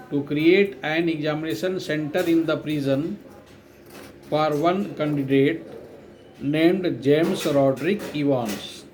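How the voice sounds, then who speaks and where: A man's voice: fairly high pitch, darkish tone, slight background noise, rough recording. A male teacher giving a dictation lesson, repeating each phrase and spelling words out letter by letter.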